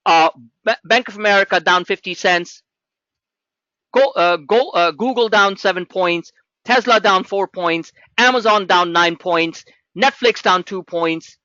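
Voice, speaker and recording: High, bright-voiced man pitching trading. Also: no echo, muffled recording. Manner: animated, pushy salesman patter with chart talk. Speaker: trading webinar host. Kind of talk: live trading webinar talk.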